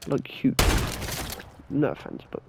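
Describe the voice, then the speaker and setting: A man's voice: takes it slowly, lo-fi sound, very noisy. A young man casually telling a story while gaming, rambling and swearing as he retells what happened. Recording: loud game gunfire behind the voice.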